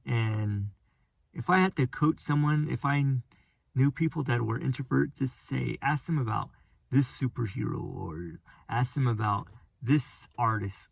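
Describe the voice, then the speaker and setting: A man with a gravelly, flat monotone voice talks through a casual solo podcast, rambling and restarting his sentences as he goes. The recording is dry and close, with no room sound. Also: mid-range voice, no room sound. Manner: rambling, halting with frequent restarts. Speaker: podcast host.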